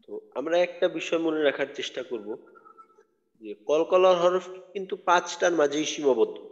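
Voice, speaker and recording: A man teaching Quran recitation, patiently spelling out letters and drawing out words slowly. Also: fairly high pitch, expressive. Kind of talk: tajweed lesson. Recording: dull audio with long hall reverb.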